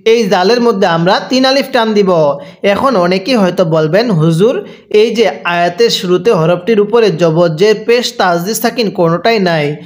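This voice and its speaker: A man teaching a Quran recitation lesson, drawing out each syllable slowly for the listener to repeat, then explaining rules more briskly, with a Bangladeshi Bengali accent. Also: high voice. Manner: slow drawn-out syllables for repeat-after-me, brisker when explaining.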